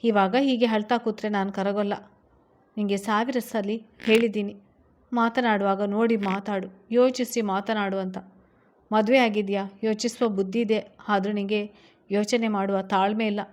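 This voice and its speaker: A woman's voice: medium pitch, fairly even intonation, normal speed, lightly acted. A woman voicing a harsh, scolding rich husband. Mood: stern scolding. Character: stern rich young businessman husband.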